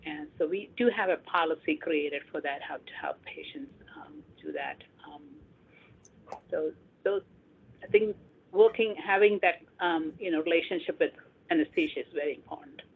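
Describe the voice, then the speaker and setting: Woman heard over the phone, hesitant, husky and tinny, unscripted remarks on a group call. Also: sits low, big pitch swings, normal speed. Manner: hesitant, many ums. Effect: heard over a phone line. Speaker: hospital staff member sharing practice at an online meeting.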